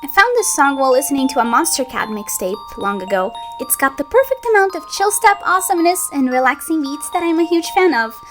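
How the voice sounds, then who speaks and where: A young voice actress and channel host, whose first language is Brazilian Portuguese, answers fans in a casual Q&A, bubbly, playful, and giggly. Her high, sing-song, slightly bright voice moves briskly with hardly any pauses, over soft background music.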